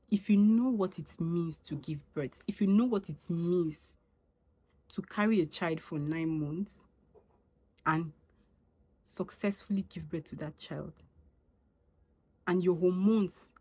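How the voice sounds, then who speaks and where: A Nigerian woman vlogging in a casual, insistent manner, driving her points home by saying them again. Her voice sits low and husky. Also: mellow. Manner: emphatic, lecturing, repeats points for stress. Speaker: vlogger and new mother. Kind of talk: casual opinion vlog to camera.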